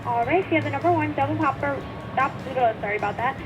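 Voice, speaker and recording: A high-voiced woman takes orders at a drive-in. She rattles through the routine questions very quickly. Her voice comes through a distant, tinny intercom speaker and is picked up from inside the car. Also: lively intonation, over music. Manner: brisk, routine order-taking script. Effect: heard through a drive-in intercom speaker.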